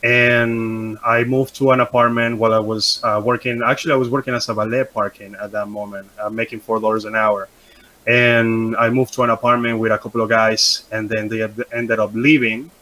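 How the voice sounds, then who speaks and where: A Venezuelan-born man appears as a guest in a casual interview, telling his story in a relaxed but halting way, full of ums and restarts. His voice is fairly low-pitched, and the audio quality is poor.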